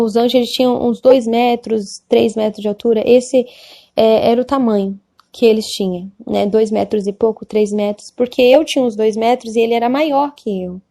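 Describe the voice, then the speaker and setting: Brazilian woman, religious testimony, earnest and repetitive, slightly high voice. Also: mellow. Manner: earnest, repetitive, hesitant retelling. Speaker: testimony speaker.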